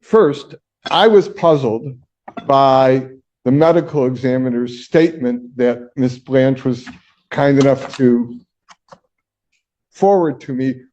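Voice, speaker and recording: A male defense attorney argues his motion in a formal, measured way, speaking directly to the judge. His voice has a mellow, darker color. The sound comes from a dull, lo-fi courtroom recording. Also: mid-range voice. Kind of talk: courtroom argument.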